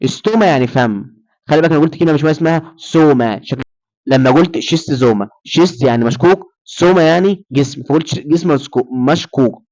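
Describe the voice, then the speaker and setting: A man's voice: a little high, a little mellow, dull audio. A man with an Egyptian Arabic accent giving a recorded lecture, who asks his students questions and then answers them himself.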